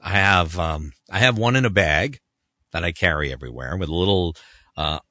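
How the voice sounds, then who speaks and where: Bright-voiced man telling stories, dry sound. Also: moderate pace, no room sound. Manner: acts out other people's voices with big pitch jumps. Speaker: voice actor guest. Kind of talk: animated anecdote telling.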